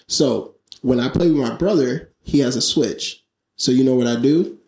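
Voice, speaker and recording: A man co-hosting a casual podcast chat, telling stories in an animated way and often repeating his words. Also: medium pitch, normal speed, roomy sound. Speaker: podcast co-host.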